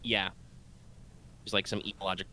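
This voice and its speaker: Low and flat, this man's voice moves at a moderate pace, sounding pushed and bright with a little hiss or hum on the line. He co-hosts a live gaming stream, rambling casually over gameplay with plenty of "like" and "uh" and occasional swearing.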